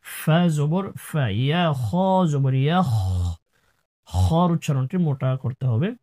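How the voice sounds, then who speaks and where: A man teaching Quran recitation in a lesson, spelling each syllable and then chanting the whole word in a slow, drawn-out way. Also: on the high side, dark tone.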